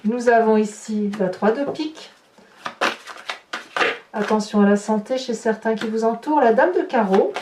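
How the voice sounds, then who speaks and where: Pausing at length but otherwise speaking at normal speed, a tarot reader and horoscope host with a voice on the high side delivers an improvised, conversational reading to viewers. She tags her phrases with interjections and remarks on each card as it turns over. Echoey room, distant mic, faint noise.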